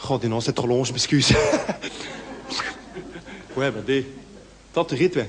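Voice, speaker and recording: This unhurried stand-up comic speaks with a Brussels French accent, rambling nervously through a solo stage monologue peppered with local fillers. He suddenly acts out other characters in a higher pitch. Heard through a handheld stage mic in a theatre, with a long hall reverb and faint room noise.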